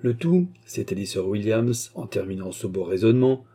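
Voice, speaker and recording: A man narrating a classic novel as an audiobook in steady, measured storytelling. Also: on the low side, slightly rough.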